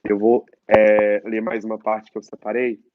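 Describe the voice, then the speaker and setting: A man's voice: fairly low pitch, completely flat delivery, dry recording. Brazilian guy on a phone live, chatty and stop-start, muffled lo-fi audio. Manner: chatty, halting, full of restarts. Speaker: actor. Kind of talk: casual live-stream chat.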